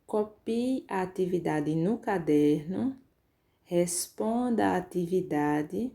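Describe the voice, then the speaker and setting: A woman with a Brazilian Portuguese accent teaches young pupils grammar online, patiently spelling out syllables as a primary school teacher. She speaks slowly and animatedly in a fairly low, mellow voice with vocal fry.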